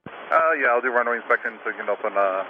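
A man driving an airport operations vehicle, making brisk procedural calls to the control tower over a two-way radio. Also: mid-range voice, expressive. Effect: heard over a two-way radio. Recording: tinny radio transmission, faint static.

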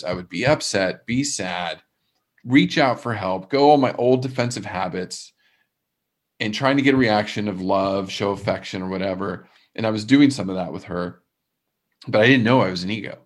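A man's voice: fairly low pitch, moderate pace. A man co-hosting a casual relationship podcast, talking earnestly and openly about his feelings, rambling a little. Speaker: podcast co-host. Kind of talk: casual reflective chat. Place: remote call from abroad.

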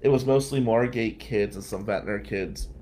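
A man's voice: lowish voice, moderate pace, warm tone, a little hiss or hum. A middle-aged man from New Jersey hosting a live stream, telling a rambling story with many tangents. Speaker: host.

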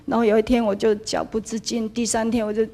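A woman's voice: a little high, flat delivery, quick pace, warm tone. A woman with a Taiwanese accent, in her thirties or forties, telling a teacher her personal story, slipping into Taiwanese Hokkien when quoting people. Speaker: attendee asking a spiritual teacher. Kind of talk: personal testimony in a dharma hall.

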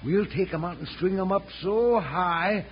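A man's voice: high voice, a little slow. A man playing an earnest frontier homesteader in a 1950s radio Western. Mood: vengeful. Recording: dull, slightly noisy old radio recording.

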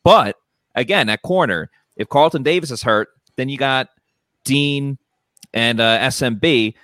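A man's voice: medium pitch, a little slow, a bit bright, dry recording, studio quality. A man co-hosting a sports podcast, giving casual, matter-of-fact analysis in conversation. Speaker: podcast co-host.

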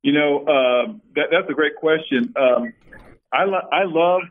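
A middle-aged man talking over a tinny, phone-like line, his voice sitting a little high. He tells stories in a casual interview, often restarting his sentences. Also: measured pace. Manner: storytelling, many restarts, animated when quoting. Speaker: former college basketball player, guest.

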